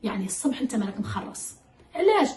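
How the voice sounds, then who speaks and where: A woman giving casual parenting advice to mothers, animated and acting out what she says to her child. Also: a little high, fast talker, reverberant, noisy background. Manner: animated, addresses listener as "darling", acts out her own dialogue with the child.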